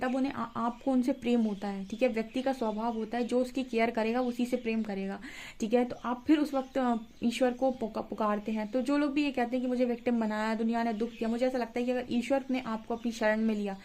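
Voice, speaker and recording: A woman's voice: fairly high pitch, warm tone. A young woman giving a casual spiritual tarot reading to camera, chatty and repetitive, mixing English words into Hindi. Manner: chatty, repeats "ठीक है" and "देखिए", mixes English words into Hindi. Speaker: tarot reader.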